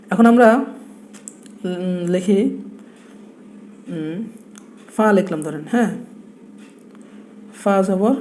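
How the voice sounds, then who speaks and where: A young man with a high, slightly mellow voice and a Noakhali Bengali accent, a Quran teacher, works through a blackboard lesson, patiently going over each point again with rhetorical questions.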